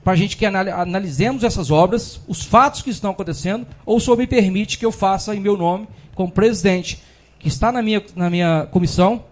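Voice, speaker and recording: A man giving an indignant speech as a city councilman in a council chamber, full of repeated fillers. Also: sits high.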